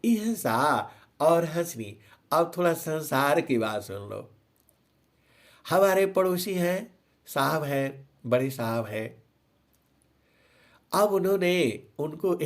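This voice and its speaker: Slow-speaking man preaching a spiritual sermon. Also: a little high, expressive. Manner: storytelling, slow drawn-out chanting of couplets; frequent filler "जो है". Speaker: satsang preacher. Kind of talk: devotional sermon with sung verses.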